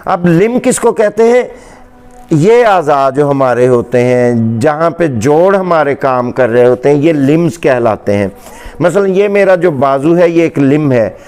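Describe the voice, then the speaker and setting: A male English teacher giving a pronunciation lesson, saying each word slowly and more than once so it can be heard well. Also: a little high, darkish tone, smooth. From Pakistani Punjab. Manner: slow, deliberate repeating of each word. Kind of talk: pronunciation lesson in Hindi-Urdu.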